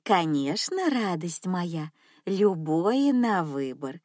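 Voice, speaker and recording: A woman voicing a scheming, manipulative old grandmother who speaks slowly in a cooing, sugary tone. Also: fairly low pitch, very animated, darkish tone, no room sound, studio quality, full character voice.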